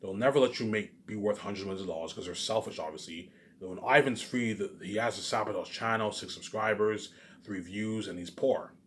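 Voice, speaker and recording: A man with a lowish, fairly bright voice talks a little fast in his casual solo vlog. Unscripted, he uses slang emphatically, repeats himself, and lets phrases wander off into asides.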